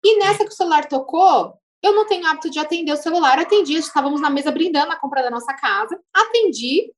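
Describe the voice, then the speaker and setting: This high-pitched, fast-talking woman is a speech therapist recounting her life in a casual interview, her accent Brazilian Portuguese. She's talkative and animated, laughing at times, and there's a slight hiss or hum.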